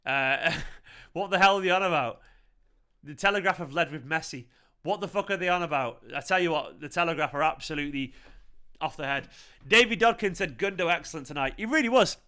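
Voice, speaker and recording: A man with a Manchester accent, hosting a live football fan reaction stream, chatting excitedly and swearing while reading viewer comments. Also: a little high, fairly quick, clear, resonant tone. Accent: Mancunian. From Manchester, England. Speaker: football fan channel host.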